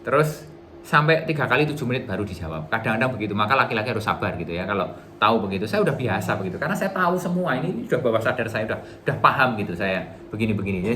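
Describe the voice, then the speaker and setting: A man's voice: medium pitch, sharp tone, a little hiss or hum. A middle-aged man giving a relationship seminar to a live audience in a casual, chatty way, acting out little dialogues. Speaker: workshop trainer.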